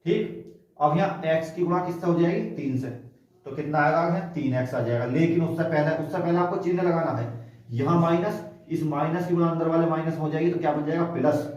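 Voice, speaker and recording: A Hindi-accented man teaches math in a classroom, walking through each step and asking his students questions along the way. His voice is mellow and a little higher than usual for a man. It is picked up from a distance in a very echoey room. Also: a little fast. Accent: Hindi, North Indian. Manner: step-by-step explaining with rhetorical questions, boastful asides. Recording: very echoey room, voice from far off the mic.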